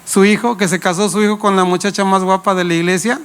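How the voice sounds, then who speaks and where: A man's voice: high-pitched, fairly even intonation, fast, fairly bright tone, smooth. A male pastor, preaching a sermon with playful anecdotes and questions to the congregation. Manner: playful, laughs while telling anecdotes.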